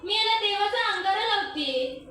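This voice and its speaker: A woman's voice: very high-pitched, moderate pace, sharp tone. A young woman playing an anxious young village mother in an amateur radio drama, pleading and tearful. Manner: pleading, tearful, then determined. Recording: roomy and distant, music beneath.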